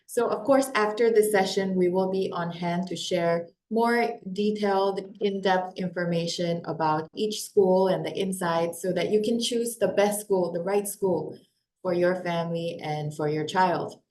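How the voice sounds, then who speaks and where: A Korean-born woman in her forties hosts a live webinar as the company's founder, sounding upbeat and welcoming while leaning on fillers like "um" and "uh." Her voice is lowish and darkish in tone, with a slightly slow delivery, and the room around her echoes.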